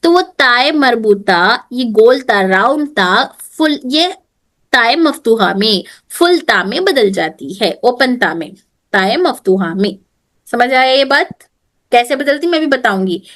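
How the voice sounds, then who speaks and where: Female teacher, higher-pitched, patient and repetitive, switches to English for rules. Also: lively intonation, slow pace, a bit bright. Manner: repeats terms, checks understanding often; mixes Hindi with English phrases. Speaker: Arabic teacher. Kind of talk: online grammar class.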